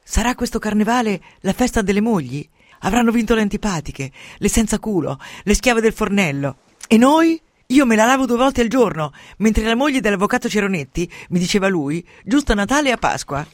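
A man voicing a brash, resentful young woman in a brothel who boasts and mocks in a shrill, loud voice. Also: very animated, brisk, dry recording. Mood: scornful.

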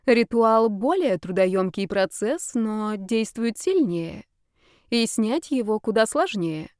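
A woman's voice: a little high, expressive, smooth, no room sound, clean studio sound. Woman reading as a sly purring witch. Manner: slow, soft, insinuating. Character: sly scheming female witch, cool and purring. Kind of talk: audiobook reading.

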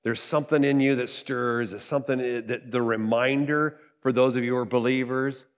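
A man's voice: mid-range voice, fairly even intonation, normal speed. A man, a pastor, preaching a sermon in an earnest way that builds to fervent emphasis. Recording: long hall reverb.

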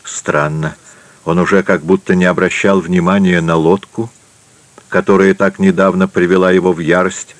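A man narrating an adventure audiobook in a steady, measured reading. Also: sits low, no room sound. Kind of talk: scripted narration.

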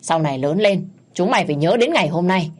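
A woman's voice: on the low side, lively intonation, fast talker, darkish tone. A woman voicing a spiteful old mother-in-law who screeches, scolds and wails in a storytelling recording. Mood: scolding. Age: older.

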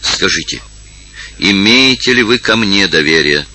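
A man's voice: low voice, lively intonation, measured pace, sharp tone, husky, heavily acted. A man reading aloud and voicing a pale old male village elder who pleads and commands with a raised voice. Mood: pleading.

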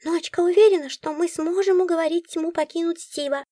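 A woman's voice: very high voice, a little fast, mellow, no room sound, clean studio sound, voice pushed up. A woman voicing a grumpy, bossy talking magic book who scolds and snaps. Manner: scolding, snappish.

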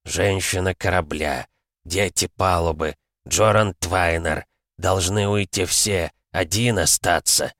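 A man voicing a slow, cryptic bird-creature woman. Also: low voice, steady tone, fairly bright tone, no echo, studio quality, heavily acted. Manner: slow broken halting speech. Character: strange birdlike female wind creature, cryptic.

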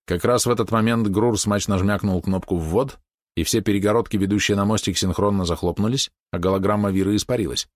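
A man narrating a science-fiction audiobook in a steady, even storytelling voice. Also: lowish voice, fast talker, hardly any pauses, no room sound, studio quality.

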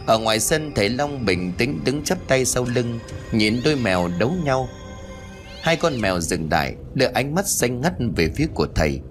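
Man, ghost story narration, dramatic, very varied pitch.

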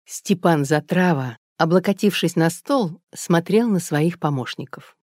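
A woman narrates an audiobook in a lowish voice. The recording is dry and close, with no room sound. She reads steadily. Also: a little slow, darkish tone, no echo.

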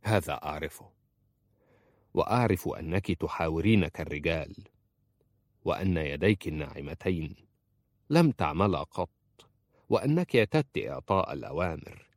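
A man's voice: sits low, animated, moderate pace, long pauses, no room sound, studio quality. A man voicing a stern, harsh husband who speaks in cold, commanding tones in an audiobook.

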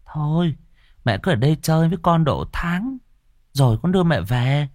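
A man's voice: fairly high pitch, lively intonation, moderate pace, darkish tone, dry recording, voice pushed up, natural voice. A playful young woman from a spoken ghost story, as a male narrator voices her, lightly teasing. Her voice sits somewhat raised, with a dry, close sound. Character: cheerful teasing young adult daughter.

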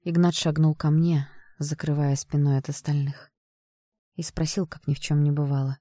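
A woman narrating a first-person audiobook in an expressive storytelling manner. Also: low-pitched, normal speed, no room sound, studio quality.

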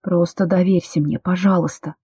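A reader voicing a frightened, stubborn young woman medic in shrill, excited outbursts. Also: normal speed, breathy edge, no room sound, clean studio sound. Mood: pleading. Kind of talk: audiobook character voice.

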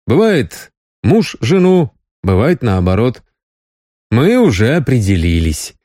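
A man reading a wry, calm grown man in love. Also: mid-range voice, takes it slowly, no room sound, studio quality, pitched above the performer's own voice, exaggerated voice. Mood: wry, tender. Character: grown man, dry-humoured, gently teasing lover.

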